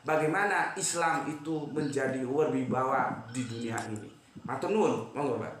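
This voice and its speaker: A man's voice: mid-range voice, moderate pace. A blunt man in his fifties from Sumatra speaks to a discussion group, emphatic and outspoken. His voice rings through a very echoey room. There is a faint hiss behind it. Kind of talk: impassioned speech to a study group.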